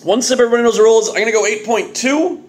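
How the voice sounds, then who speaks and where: A man in his thirties, a beer reviewer and vlog host, talks extremely fast in a very high-pitched voice. He hosts a casual, off-the-cuff video review from his home kitchen, jokey and exclamatory, with animated delivery and muttered asides, captured on a phone or webcam held at arm's length.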